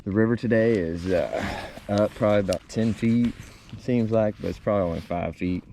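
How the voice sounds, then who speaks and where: A man with a fairly low voice gives relaxed, folksy fishing commentary. He talks casually, as to vlog viewers, out on a river in a kayak, with light outdoor and boat noise behind him. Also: fairly quick, creaky. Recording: faintly noisy outdoor river recording.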